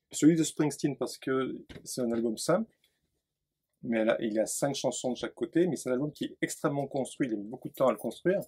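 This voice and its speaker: A man's voice: medium pitch, mellow, husky. A man, an author, reading his own text aloud and then explaining his work casually at a bookshop event, with many fillers. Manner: reads in a driving, escalating chant, then talks with many fillers.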